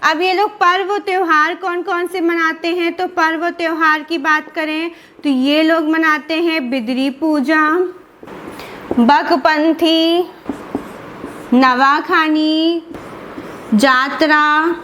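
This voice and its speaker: A woman's voice: extremely high pitch, flat delivery, a little slow, pushed and bright, slight background noise. A woman teaching an exam-prep lesson, asking questions and answering them herself while repeating key terms. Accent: Indian Hindi. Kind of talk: classroom lecture with repetition and revision.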